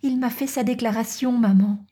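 A high, eager young girl voiced by a woman reading aloud, quick to take offense. Her voice is soft and a little breathy. A storybook daughter pleading with her mother. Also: fairly even intonation. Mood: excited. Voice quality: raised girlish pitch.

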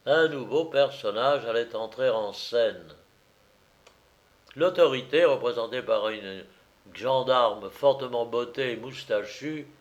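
Male narrator for a lively audiobook reading of a children's novel. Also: mid-range voice.

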